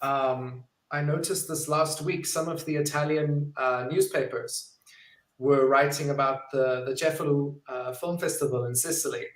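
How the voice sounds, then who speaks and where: A documentary filmmaker answering interview questions in a friendly, chatty way, with frequent ums. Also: male voice, a little high, fairly even intonation, normal speed. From South Africa. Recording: roomy echo.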